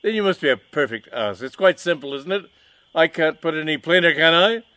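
A man voicing a theatrical, vengeful male stage magician who talks in loud, indignant declarations. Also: fairly high pitch, lively intonation, a little fast, dry recording, pitched above the performer's own voice.

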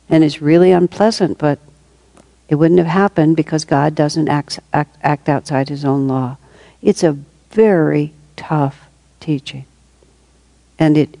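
A spiritual teacher speaks to a group in a reflective, conversational way, pausing for light laughs and taking questions as she goes. Her voice is low-pitched and mellow, with no room sound.

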